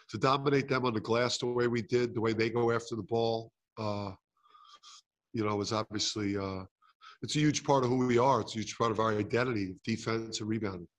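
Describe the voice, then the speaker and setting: A middle-aged man, a head basketball coach, answering questions at a postgame press conference with many fillers and restarts. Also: medium pitch. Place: press conference room with sponsor backdrop. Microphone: table mic close in front.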